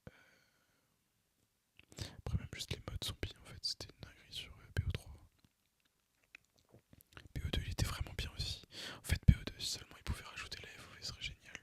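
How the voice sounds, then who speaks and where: A young Frenchman whispers intensely and unvoiced, talking fairly quickly yet with long pauses. Making ASMR gaming content, he rambles casually over gameplay, relaxed, slangy and hesitant.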